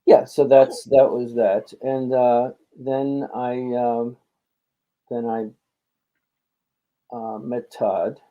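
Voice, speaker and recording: A man's voice: mid-range voice, flat delivery, very slow, long pauses, mellow, low-quality recording. An older American man from Philadelphia chatting casually as an interview guest, telling rambling anecdotes. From Philadelphia, United States. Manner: rambling storyteller.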